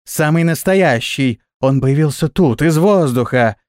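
A man voicing a tiny, excitable winged fairy girl who bossily makes herself a priestess, in a shrill, eager voice. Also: unhurried, no room sound, studio quality. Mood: excited.

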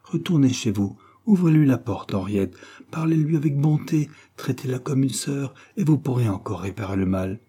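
A man voicing a calm, earnest young woman who gives firm, measured moral advice in an audiobook. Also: medium pitch, breathy edge. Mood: earnest reproach.

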